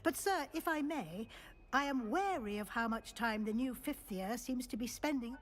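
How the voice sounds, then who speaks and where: A woman's voice: a little high, moderate pace, close to an everyday voice. A woman playing a formal, concerned professor in a video game, polite but firm and sceptical. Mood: wary concern.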